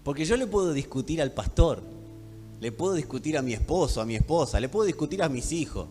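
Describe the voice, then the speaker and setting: A man from Buenos Aires with a Rioplatense accent, preaching a sermon emphatically and addressing the congregation directly, dropping to hushed tones and rising to loud ones. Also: fairly high pitch, lively intonation, a little fast. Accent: Rioplatense Spanish. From Buenos Aires, Argentina. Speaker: pastor. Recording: echoey hall with faint music.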